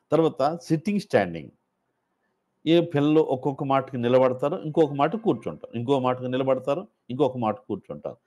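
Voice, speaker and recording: A man's voice: mid-range voice, a little mellow. A man training Sunday school teachers, explaining methods step by step in a loose, informal way. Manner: explains step by step, with many fillers and restarts. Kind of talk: instructional talk.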